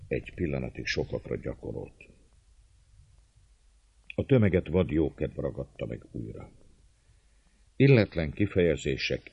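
A man narrating a historical novel in measured, expressive storytelling. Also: very deep voice, vocal fry, breathy edge, dry recording. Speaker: audiobook narrator. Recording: dull lo-fi, dry sound.

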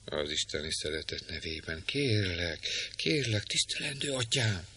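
A man doing a hushed, pleading young woman. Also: sits low, very animated, a little hiss or hum, heavily acted. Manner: soft, hushed and imploring.

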